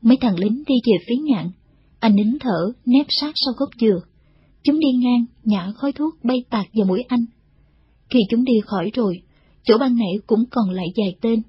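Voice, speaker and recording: Brief: female narrator for a novel, very husky and breathy, slightly high, dull lo-fi sound. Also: moderate pace. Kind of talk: scripted audiobook narration. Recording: dull, dry lo-fi recording.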